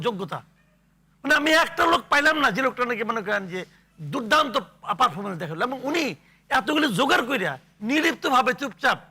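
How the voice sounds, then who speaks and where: Older man, blunt talk-show commentary, high voice, quick delivery. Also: bright, forceful tone, husky. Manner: blunt, scornful, halting restarts. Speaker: political commentator.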